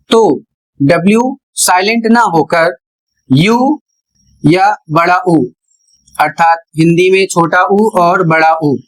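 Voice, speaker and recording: Slow, patient male teacher. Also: high-pitched, fairly bright tone, rough recording. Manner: patient, step-by-step, repeats and spells out words. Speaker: English pronunciation teacher. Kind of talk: explanatory lesson.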